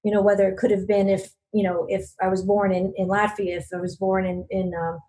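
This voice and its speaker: Speaking a little fast, this Long Island woman has a medium pitch, a level tone, and a dark timbre, heard through a rough recording. As a podcast guest who heads a regional business network, she shares stories earnestly, often using fillers and starting over.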